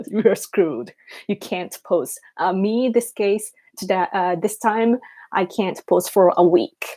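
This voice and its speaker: A woman chatting casually on a live stream, keeping her voice quiet late at night as if someone is asleep nearby. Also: lowish voice. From Japan. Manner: quiet, hushed late-night talk so as not to wake a sleeper. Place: small room in a tiny two-room home.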